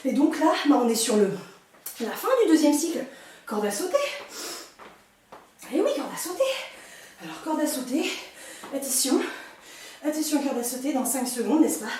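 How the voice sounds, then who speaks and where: High voiced lady doing a workout class, puffing as she exercises along, playful and pushy, far from the mic in a super echoey noisy room. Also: expressive, moderate pace, long pauses, dark tone. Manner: exerting, breathy puffs while exercising; playful, chatty, urging. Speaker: fitness instructor. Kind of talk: live workout coaching with counts and cues. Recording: distant echoey room with clear noise.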